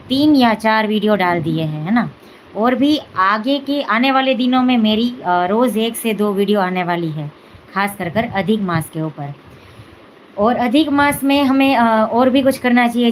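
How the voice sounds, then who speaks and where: A woman's voice: medium pitch, slight background noise, poor audio. A woman hosting a devotional live stream, talking casually with many fillers and "है ना" asides. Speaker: devotional channel host.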